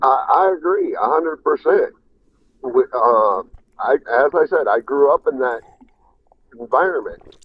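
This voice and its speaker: A man from Illinois calling into a talk show, speaking in a halting, hesitant way that repeats words. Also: medium pitch, phone-quality sound, a little hiss or hum. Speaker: caller. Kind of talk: phone-in conversation.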